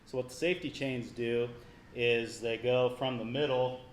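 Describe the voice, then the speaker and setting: A man's voice: medium pitch, fairly even intonation, moderate pace. A man who ranches and welds, explaining a shop project step by step in a casual how-to vlog. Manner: plain explaining, walks through each step. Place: workshop. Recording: echoey shop with faint noise.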